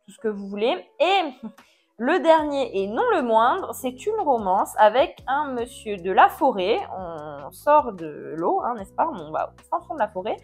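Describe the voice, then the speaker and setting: Chatty woman with a fairly high voice. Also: very animated, measured pace, husky, faint music behind. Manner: chatty, jokey mock dismay and self-corrections. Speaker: book reviewer. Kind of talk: casual book review chat.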